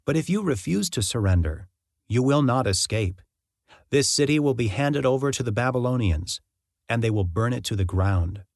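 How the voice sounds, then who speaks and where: A man giving voice to a grave old prophet, speaking in steady, solemn warnings. The sound is dry and close with no room around it, and the pitch sits at an ordinary middle. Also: moderate pace, dry recording. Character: prophet Jeremiah, grave bold older man.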